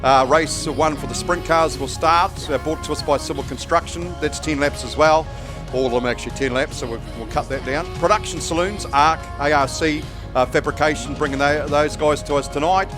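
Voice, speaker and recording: A man's voice: on the high side, normal speed, music in the background. A man with a New Zealand accent giving casual live commentary as a speedway track announcer.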